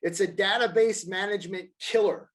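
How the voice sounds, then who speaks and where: On a casual podcast, a mortgage advisor talks in a high-sitting, steady voice at a moderate pace. His style is emphatic, and he repeats himself to stress points.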